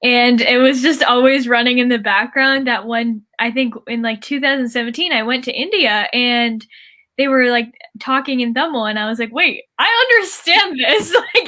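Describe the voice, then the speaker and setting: Bright-voiced young woman hosting an interview. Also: high-pitched, lively intonation, moderate pace. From United States. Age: young adult. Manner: chatty, upbeat, with frequent fillers and laughs. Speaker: interview host. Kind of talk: casual interview.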